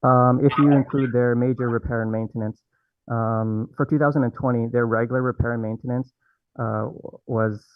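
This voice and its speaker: A man testifying as an assessor at a review board over a video call, halting, with many fillers and restarts. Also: mid-range voice, fairly even intonation. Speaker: city assessor presenting at a hearing. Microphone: remote video call, microphone held close. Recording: tinny video-call audio with faint hiss.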